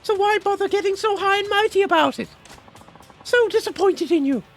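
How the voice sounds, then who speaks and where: A woman's voice: expressive, brisk. A woman voicing a teasing, cryptic old fortune teller lady in a mocking granny voice for a game. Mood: teasing, scolding. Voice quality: high-pitched old lady voice. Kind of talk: playful improvised game voice-over in character. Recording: music behind the voice.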